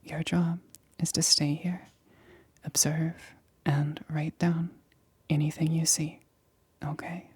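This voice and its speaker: A woman whispers very breathily as a careful, excited female scientist studying an alien specimen for an ASMR roleplay. Her voice sits low, and she gives instructions slowly, fairly flatly and clinically. There is no room sound at all; the audio is completely dry.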